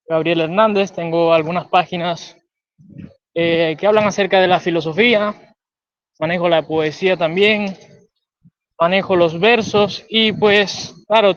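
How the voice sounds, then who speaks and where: A Venezuelan man with a high voice lays out his philosophical idea in a calm, lecturing way. The sound is dull and dry, like a low-fidelity call. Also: no echo. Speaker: guest. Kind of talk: conversational philosophical discussion.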